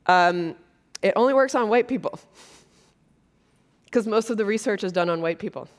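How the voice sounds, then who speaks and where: Before a conference audience, a Brazilian woman delivers her keynote in an earnest, chatty manner full of fillers. Her voice has a medium pitch and a normal speed.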